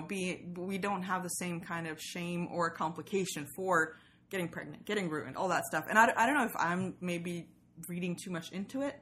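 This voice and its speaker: A Swedish woman, a native Swedish speaker who is a podcaster and writer, chats casually as a guest on a podcast interview, rambling through asides and acting out imagined lines. Her voice is lowish and a bit bright, with slight background noise.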